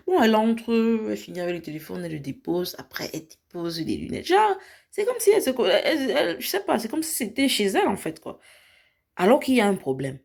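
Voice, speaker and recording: A woman's voice: mid-range voice, wildly swooping pitch, brisk, gravelly, a little mellow. A woman, a vlogger recapping a reality show in a casual storytelling way. She acts out the people she retells and drops into English phrases.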